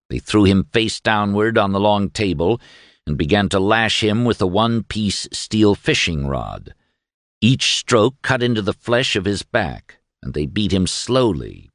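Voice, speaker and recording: A man narrating a novel in a grave, measured manner, his voice sitting low. The pitch moves a lot to carry the tension. Recorded close and dry. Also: no echo. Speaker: audiobook narrator. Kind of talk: scripted narration.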